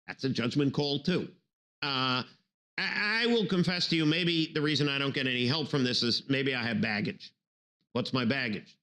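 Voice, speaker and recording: A man's voice: mid-range voice, normal speed. A man from Brooklyn, giving a law lecture full of jokes and playful put-on voices. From New York City, Brooklyn. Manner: jokey, animated, acts out silly voices. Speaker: law professor. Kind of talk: recorded bar review lecture.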